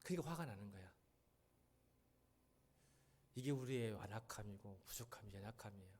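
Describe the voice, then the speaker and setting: A man's voice: on the low side, fairly quick. A middle-aged man preaching as a pastor, questioning the congregation and urging them to listen closely. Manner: animated, questions and addresses the congregation. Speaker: senior pastor. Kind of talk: sermon at a midweek church service. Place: church.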